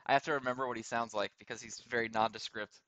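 A man's voice: mid-range voice, steady tone, fast, fairly bright tone. A man co-hosting a podcast in casual chat, joking, swearing and laughing often. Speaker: podcast co-host.

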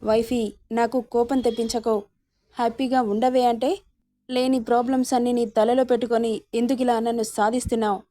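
A woman's voice: a little high, flat delivery, normal speed, dark tone, dry recording, lightly acted. A woman voicing a domineering young husband who scolds and teases sarcastically. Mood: scolding.

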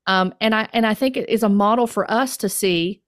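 A woman co-hosting a casual discussion about faith, speaking earnestly and restarting her sentences as she thinks. Her voice is mid-pitched and the recording is dry and close. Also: a little fast, no echo. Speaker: podcast co-host.

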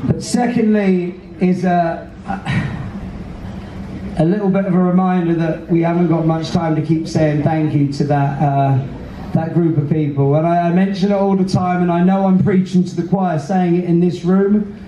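A man's voice: sits high, steady tone, normal speed, mellow, distant mic, highs cut off. A British man working as a cruise director, addressing a theater audience from the stage in an earnest, emphatic, emotive way through a PA. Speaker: cruise director hosting a veterans' event. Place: large indoor theater stage. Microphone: handheld mic, filmed from the audience. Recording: roomy theater PA heard from afar, faint noise.

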